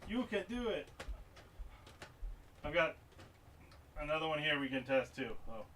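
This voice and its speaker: Bright-voiced man, a bit off mic. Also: fairly high pitch, very animated, measured pace. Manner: talks to himself as he works, mumbling asides. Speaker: streamer repairing game consoles. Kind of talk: casual live-stream chat while working. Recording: voice a bit far from the mic, faint noise behind.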